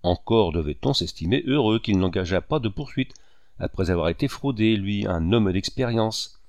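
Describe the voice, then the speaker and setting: A man with a low voice reads a novel aloud with a measured, expressive delivery. His pitch moves freely through the phrases, and the recording is close and dry, with no room sound. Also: no echo. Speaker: audiobook narrator. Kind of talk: scripted narration of a novel.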